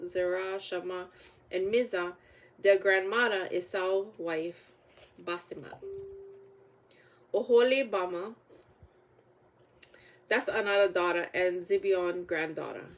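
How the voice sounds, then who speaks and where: A woman with a Hawaiian Pidgin accent reading Bible stories aloud, halting a little over the names. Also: medium pitch, poor audio. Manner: halting over names, with stumbles and self-corrections.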